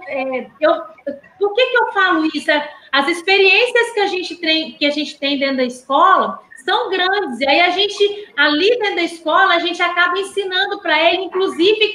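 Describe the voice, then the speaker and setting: A woman with a Minas Gerais Brazilian accent tells classroom anecdotes in a very high, bright voice. She is an animated storyteller who acts out the voices she quotes and laughs often. The sound carries a noticeable room echo. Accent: Brazilian Portuguese, Minas Gerais. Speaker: teacher and sign language interpreter. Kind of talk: casual live talk with anecdotes.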